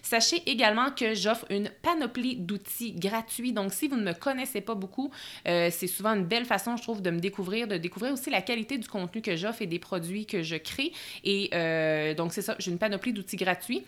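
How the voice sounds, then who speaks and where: A woman in her thirties with a Québécois accent, hosting her own solo podcast in a chatty, conversational way with frequent hesitations. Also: medium pitch. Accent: Québécois French. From Quebec, Canada. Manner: chatty, warm-hearted, hesitant with frequent pauses. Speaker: podcast host.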